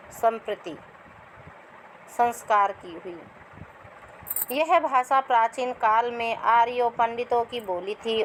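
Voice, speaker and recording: A woman with a fairly high voice teaches grammar at a very unhurried pace. She reads a textbook aloud, explains it, and sounds out each letter one by one. A faint hum of traffic sits behind her. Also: poor audio. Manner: slow, deliberate, spells out sounds one by one.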